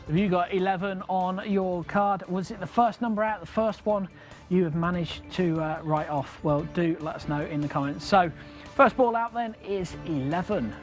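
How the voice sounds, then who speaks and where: A man's voice: high voice, steady tone, normal speed, faint music behind. A man hosting a live game as a bingo caller, announcing numbers in repeated traditional patter.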